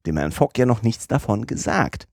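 A man voicing an excitable, loyal French manservant who talks indignantly and exclaims often. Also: medium pitch, moderate pace, creaky, no echo, clean studio sound, pitched above the performer's own voice.

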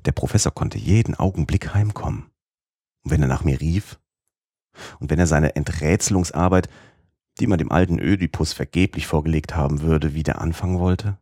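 A man reading a classic novel aloud as first-person audiobook narrator, in a measured, literary storytelling manner. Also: rumbling low, mellow, no echo, clean studio sound.

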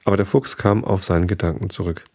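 A man reading a picture book aloud, calm and unhurried. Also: sits low. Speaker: reader.

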